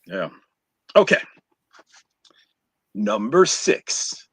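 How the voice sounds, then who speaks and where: A man co-hosting a casual live-stream chat, reading list items with comic timing. His voice is husky and a little high, and it rises and falls widely. The sound is dry and close. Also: sing-song, bright, forceful tone, no echo. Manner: jokey, reads list items with dramatic pauses. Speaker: podcast co-host reading a countdown list.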